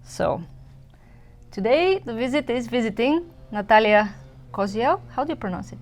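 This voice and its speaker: A woman's voice: a little high, animated, moderate pace. A woman podcast host asking brief, friendly questions in a casual interview.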